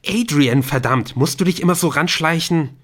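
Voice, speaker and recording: A man's voice: medium pitch, expressive, moderate pace, fairly bright tone, voice pushed up, close to an everyday voice. A man reading an audiobook, voicing an irritable, defensive teenage boy who talks in a brusque, snappish way. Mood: startled.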